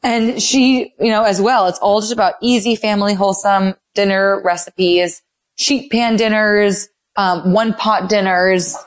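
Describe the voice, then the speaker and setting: A woman's voice: mid-range voice, steady tone, measured pace. A mother who cooks, a woman, chatting enthusiastically as a podcast guest, with many "like"s and exclamations. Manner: enthusiastic, gushing, lots of "like" and "oh my God". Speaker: guest, cooking mom. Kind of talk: casual interview chat. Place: Los Angeles.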